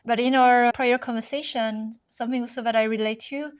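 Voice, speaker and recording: A woman's voice: on the high side, fairly even intonation, a little fast, clear, resonant tone. A woman hosting a podcast interview, asking curious, winding questions. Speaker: podcast host.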